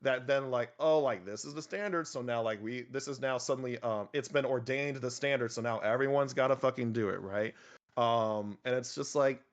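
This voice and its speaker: A young man chatting casually as a podcast guest, animated and rambling, full of fillers and restarts. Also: medium pitch, normal speed. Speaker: podcast guest, miniature painter. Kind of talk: casual conversational interview.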